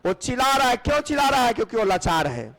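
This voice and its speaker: Male coaching teacher, high, animated delivery, quizzes his class and answers himself. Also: fast talker. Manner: asks questions and answers them himself. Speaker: exam-prep teacher. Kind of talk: classroom lecture with memory tricks.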